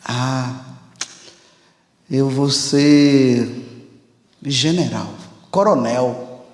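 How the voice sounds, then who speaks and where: A cocky young soldier, as a preacher puts him on, gives offhand answers. The voice rings with long hall reverb. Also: male voice, mid-range voice, very slow. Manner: offhand, then unsure.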